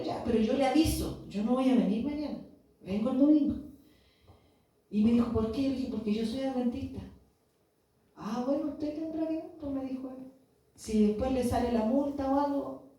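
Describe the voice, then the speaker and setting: A woman's voice: a little high, mellow. A woman giving a church testimony, telling her story and acting out the dialogue with rhetorical questions. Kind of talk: sermon testimony. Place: church hall. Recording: echoey church hall, voice from far off.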